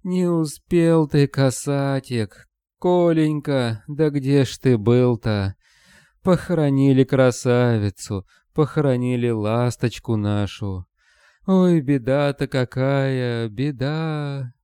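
A tearful old neighbor woman wails her grief in a high, slow, drawn-out lament, as a male narrator puts her on. Her voice sits well above a man's usual pitch and stretches every word in a storybook reading. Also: mellow, smooth, no echo, clean studio sound, lightly acted. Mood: wailing grief. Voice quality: weepy, drawn-out wail.

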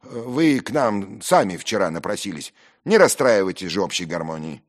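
A man's voice: fairly low pitch, big pitch swings, moderate pace, voice pushed up. A man voicing a blunt, rude young man who speaks curtly. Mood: scolding. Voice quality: curt, rough.

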